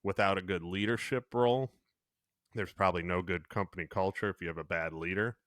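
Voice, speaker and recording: A man's voice: sits low, brisk, fairly bright tone, no echo, studio quality. A man co-hosting a podcast who talks in an earnest, reflective way with loose fillers. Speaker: podcast co-host. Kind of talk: casual podcast chat.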